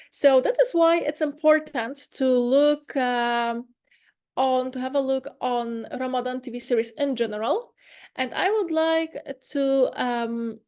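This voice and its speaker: Woman, high voice, hesitant academic presenter, frequent pauses and fillers. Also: darkish tone. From Poland. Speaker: conference presenter.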